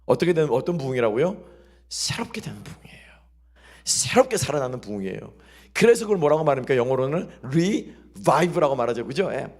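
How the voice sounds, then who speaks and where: A male pastor, preaching a sermon that keeps asking the congregation questions and drops into soft, quiet asides. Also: mid-range voice, expressive, a little fast. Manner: call-and-response questioning of the congregation. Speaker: senior pastor.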